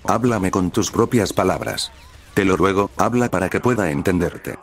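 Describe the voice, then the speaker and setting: A man voicing a distraught, anxious young woman in a story reading, delivered in a flat, even way. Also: low voice, normal speed. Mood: furious.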